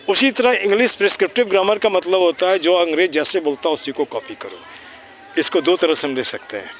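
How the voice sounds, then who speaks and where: A man teaching school students outdoors, lecturing and firing rhetorical questions. He slows down and speaks deliberately whenever he switches into English. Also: on the high side, fairly bright tone, a little hiss or hum. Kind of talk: informal lecture with quiz questions. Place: outdoors in a park.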